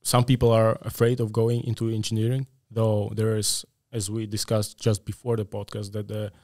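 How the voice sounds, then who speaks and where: A man from Latvia in his thirties talks as a guest on a podcast. His voice is low and flat with little melody, recorded dry on a studio mic. He hesitates often with fillers. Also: moderate pace, dry recording. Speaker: guest, AI consultant. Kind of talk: casual podcast interview. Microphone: studio mic on a stand.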